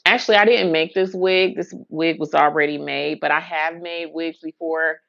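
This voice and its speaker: Speaking at normal speed with a steady tone, this woman has a low, gravelly, slightly bright voice, recorded dry and dull. An American livestream host and hairstylist from Huntsville, Alabama and Brooklyn, New York, she tells rambling personal stories in a casual, colloquial way, repeating words for emphasis.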